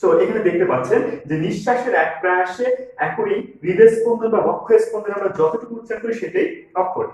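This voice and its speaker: A man teaching a grammar lesson to students, repeating key phrases slowly as he writes them out. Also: high voice, darkish tone. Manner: repeats key phrases while writing on board. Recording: very echoey room.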